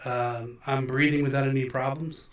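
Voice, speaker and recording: Brief: middle-aged man, getting over an illness, halting and rambling, his voice echoing like a big hall and set back from the mic. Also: mid-range voice, level tone, far from the mic. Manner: rambling, halting, with many fillers. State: recovering from illness, under the weather. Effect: roomy echo like a big hall. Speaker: musician livestream host. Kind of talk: casual livestream chat. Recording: echoey room, voice from off the mic.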